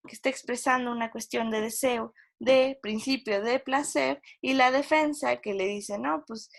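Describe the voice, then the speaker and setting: A woman's voice: a little high, fairly even intonation, normal speed, vocal fry. A woman giving a university psychology lecture, explaining with frequent tag questions and acting out quoted inner voices.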